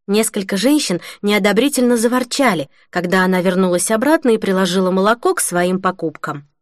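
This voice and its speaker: A woman reading a novel aloud as an audiobook narrator, in an even, measured way. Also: mid-range voice, no room sound, studio quality. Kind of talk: scripted narration.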